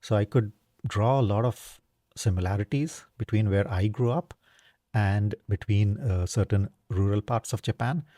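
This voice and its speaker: A man with a fairly low, mellow voice reflects on life in an unhurried, conversational way. He is from India and leans on fillers and tag questions as he thinks aloud, recorded close and dry. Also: no room sound. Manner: casual, thoughtful, many fillers and tag questions. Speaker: podcast host. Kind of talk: reflective solo talk.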